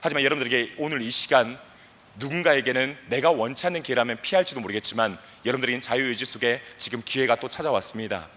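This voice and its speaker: A young man giving a playful, animated talk to a youth camp audience, acting out voices and leading the crowd in chants. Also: mid-range voice, fast talker. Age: young adult. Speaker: guest speaker at a youth camp.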